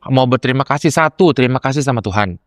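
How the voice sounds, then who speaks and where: A young adult man, a lecturer telling classroom stories in casual chat, acting out quoted lines with animated jumps in pitch. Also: fast, dry recording, studio quality. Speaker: lecturer and podcast guest.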